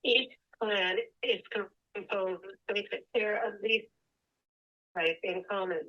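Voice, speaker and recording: A woman presenting remotely, reading a prepared talk in a measured, steady way, her call audio breaking up and dropping out. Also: medium pitch. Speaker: whale researcher presenting remotely. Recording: dull, lo-fi remote call line.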